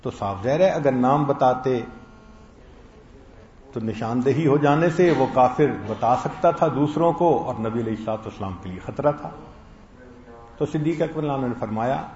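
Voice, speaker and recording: A man's voice: medium pitch, darkish tone. A man giving a sermon, telling stories and acting out the quoted lines of the people in them. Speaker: preacher. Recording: echoey, dull lo-fi sound.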